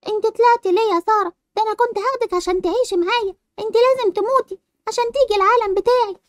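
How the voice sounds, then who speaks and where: A woman's voice: very high-pitched, very fast, no room sound, studio quality. A woman voicing the ghost of a dead girl friend who pleads and then menaces, in a dubbed game-animation movie. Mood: menacing.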